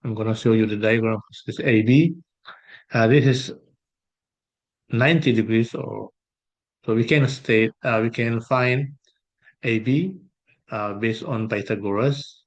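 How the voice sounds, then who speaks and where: A man working through an exam problem as a math tutor, thinking aloud with pauses and fillers. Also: mid-range voice, highs cut off. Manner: slow, hesitant, thinking aloud while sketching. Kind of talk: exam solution walkthrough.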